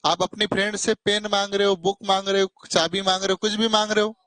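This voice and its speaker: A man's voice: high voice, flat delivery, a little fast, pushed and bright, dry recording. A male teacher giving a classroom grammar lesson, keeping his students engaged with frequent short tag questions and calling them "beta" affectionately. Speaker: English teacher.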